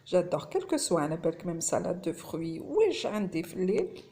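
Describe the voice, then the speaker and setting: A woman's voice: on the low side, sing-song, rapid-fire, warm tone. A woman with an Algerian accent mixing Arabic and French, chatting casually through a home cooking vlog. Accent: Algerian Arabic mixed with French.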